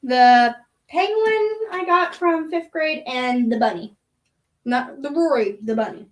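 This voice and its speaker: A high-pitched woman chats her way through a casual bedroom vlog. She rambles from one thought to the next and turns to sing-song baby talk with a toddler. Her voice sits well above most women's. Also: expressive, unhurried. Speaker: vlogger. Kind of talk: casual chat.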